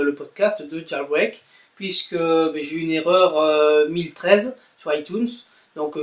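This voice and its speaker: Young male tech blogger, casual how-to, slightly high voice, lots of ums and self-corrections. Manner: chatty, many fillers and self-corrections. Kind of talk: casual screen-recorded tutorial.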